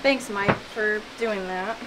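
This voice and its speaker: A woman's voice: mid-range voice, slow pace, crowd noise, poor audio. A woman working as a reptile keeper, playfully teasing and joking with a coworker. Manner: teasing, playful, mock-offended. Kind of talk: casual banter at work.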